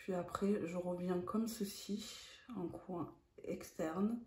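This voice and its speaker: A woman explaining a makeup look step by step, in a calm tutorial manner. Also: fairly low pitch, slow pace, echoey room. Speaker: beauty vlogger.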